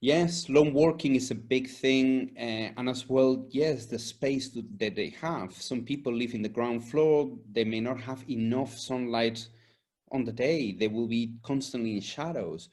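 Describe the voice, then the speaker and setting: He's a Spanish-speaking man from Argentina and Spain, working as an environmental and safety consultant, earnestly answering interview questions in a conversational way. His mid-range voice is a little mellow and he keeps a measured pace.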